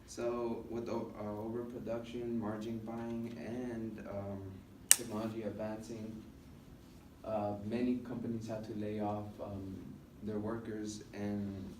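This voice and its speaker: A young adult man from the United States gives an informal speech for a college speech class, halting and hesitant with many filled pauses like "um." His voice is a bit low and quite flat. The recording is made from a distance in a roomy classroom with noticeable background noise.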